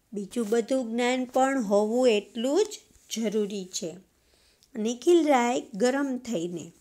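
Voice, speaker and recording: A woman's voice: high-pitched, creaky, mellow. A woman teacher explaining a textbook play to students, restating each point in simpler words.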